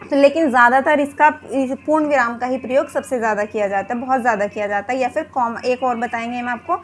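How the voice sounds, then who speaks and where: With slight background noise behind her, the woman preps students for exams in Hindi grammar, raising questions and answering them herself. "ठीक है" comes up often as a filler, and her high-pitched voice is a bit bright.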